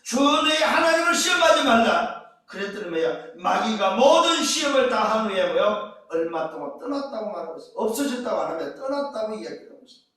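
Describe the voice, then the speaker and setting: Recorded from a distance in an echoey church sanctuary, a pastor delivers an emphatic sermon in a high, sing-song, fairly bright voice, a little fast. He fires one rhetorical question after another at the congregation.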